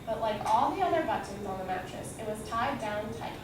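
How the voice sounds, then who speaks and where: A woman's voice: a little high, animated, fairly quick. A woman reading a children's book aloud as a storyteller, recorded at a distance in an echoey, noisy room.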